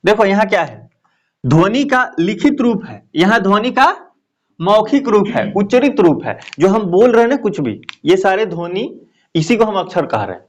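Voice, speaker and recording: Male teacher, high and animated voice, drills terms by repeating them and quizzing the class. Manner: explains slowly, repeats key phrases, asks students questions. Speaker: Hindi grammar teacher. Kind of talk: classroom lecture.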